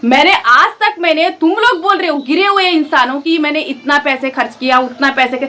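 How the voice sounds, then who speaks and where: Fierce high-pitched woman scolding. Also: moderate pace, sharp tone. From India. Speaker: vlogger. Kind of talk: angry direct-to-camera vlog rant.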